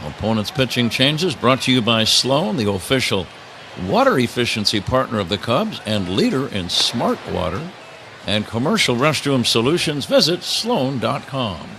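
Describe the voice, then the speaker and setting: The radio play-by-play voice of this live baseball broadcast belongs to a man with medium pitch and normal speed. The outdoor ballpark keeps up a steady ambience, making the background noisy.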